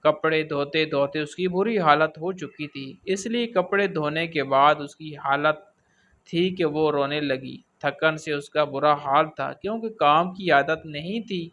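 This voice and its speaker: A man reading a scripted story aloud in a steady, even storytelling manner. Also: a little high, slight background noise.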